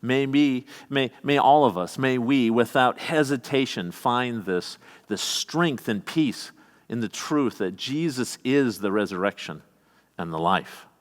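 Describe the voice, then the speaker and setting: A man's voice: medium pitch, unhurried. A man with a Midwestern American accent preaching a sermon as pastor, reading scripture aloud and adding folksy asides. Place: church sanctuary. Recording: long church reverb.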